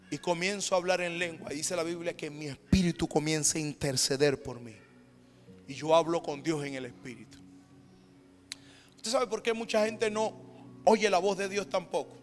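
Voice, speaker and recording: A high-pitched male pastor with a Panamanian Spanish accent delivers a sermon, swinging between ringing, emphatic declarations and hushed, quiet stretches. His voice carries a long church-hall reverb, with soft music playing underneath. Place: church sanctuary.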